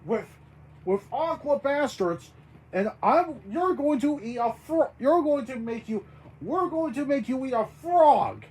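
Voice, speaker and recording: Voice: high voice, sing-song, a little slow, husky, heavily acted, poor audio. A narrator doing a raging foul-mouthed man. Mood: furious. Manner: shouting, stumbling over words. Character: furious foul-mouthed man yelling threats.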